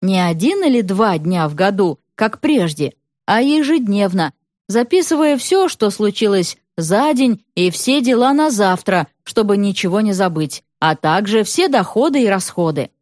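A woman narrating a storybook in an expressive reading style. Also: mid-range voice, normal speed, dry recording, clean studio sound.

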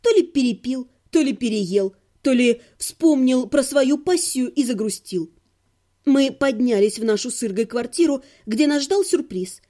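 A woman's voice: high voice, lively intonation, unhurried, dark tone. A woman reading a humorous fantasy audiobook in the first person, with a wry, ironic manner. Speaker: audiobook narrator.

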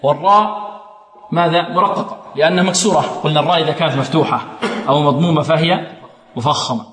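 A man's voice: on the high side, quick pace, a bit bright. A man teaching Quran recitation, quizzing students with questions and modeling each sound again and again. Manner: poses questions to students and answers them, models and repeats pronunciations. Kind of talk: recitation lesson. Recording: echoey hall with long reverb.

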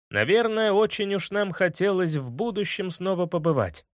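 A man reads a children's story aloud with lively, expressive storytelling. His voice sits high for a man. The sound is dry and close to the mic. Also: dry recording. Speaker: audiobook reader. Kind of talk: scripted audiobook narration.

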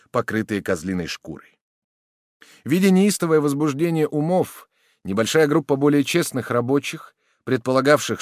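A man reading a novel aloud in expressive, dramatic narration. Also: medium pitch, dry recording, clean studio sound. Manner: expressive, lively reading with many voices. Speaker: reader of an audiobook.

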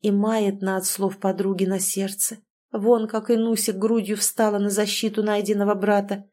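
Woman, audiobook narration, expressive, intimate, conversational, mellow tone. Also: medium pitch, normal speed.

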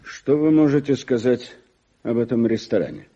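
A man playing a shrewd, self-assured police detective in an old radio play, with brisk, clipped delivery. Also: medium pitch, dark tone, close to an everyday voice. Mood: brisk, commanding. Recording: dull, band-limited old radio recording.

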